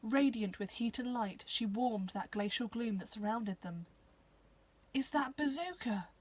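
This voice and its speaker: A woman narrating a children's novel in a clear, expressive storybook reading. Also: mid-range voice, moderate pace, rough recording.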